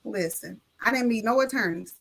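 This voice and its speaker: Over a video call with a slight hiss or hum, a notary guest from Illinois tells a story on a live talk show, her voice on the high side with vocal fry and a moderate pace. Speaking casually and colloquially, she brings up her faith and vividly acts out each character's voice.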